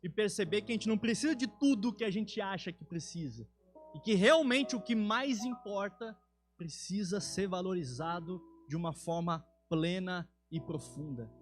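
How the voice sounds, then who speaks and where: A man with a fairly high voice and a Brazilian Portuguese accent delivers an earnest sermon in a church. He builds toward emphatic, louder peaks. Soft instrumental music plays faintly behind him. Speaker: preacher.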